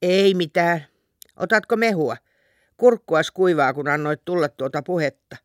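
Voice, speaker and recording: A man voicing a sharp, wry older wife. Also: on the high side, no echo, clean studio sound, lightly acted. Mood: brisk. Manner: curt, wry replies.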